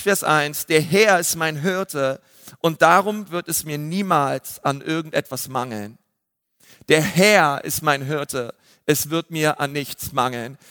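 A man's voice: fairly high pitch, fairly bright tone, no room sound, studio quality, in a large hall. A man preaching a sermon, emphatic and rising to a raised voice, with frequent calls of "hey" and invitations for the congregation to repeat lines. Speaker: pastor.

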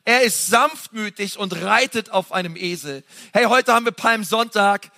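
A man delivers a passionate, emphatic sermon, talking casually and directly to his listeners while shifting between loud and soft. His voice sits high and he speaks at a normal pace.

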